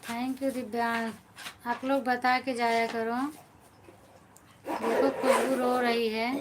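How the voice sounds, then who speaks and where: A woman's voice: on the high side, flat delivery, takes it slowly, noisy background. A woman with an Awadhi accent, a folk singer chatting casually on a live stream, thanking viewers by name and answering their comments.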